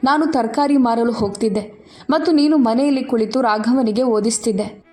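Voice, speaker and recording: Woman voicing a gentle grieving old mother. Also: fairly high pitch, moderate pace, natural voice. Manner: tearful, soft.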